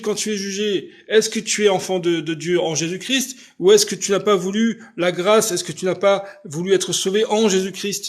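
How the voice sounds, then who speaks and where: Loud, insistent French-speaking preacher. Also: male voice, sits high. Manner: loud, insistent speech with frequent rhetorical checks. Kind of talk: live-stream preaching, answering viewers' questions.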